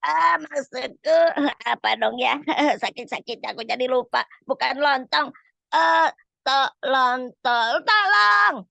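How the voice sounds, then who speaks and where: A woman's voice: high voice, normal speed, few pauses, a bit bright, no echo, heavily acted. A woman voicing a lazy, teasing boy in a storytelling session for children, cheeky and whiny. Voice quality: gravelly. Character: naughty, lazy boy who teases others.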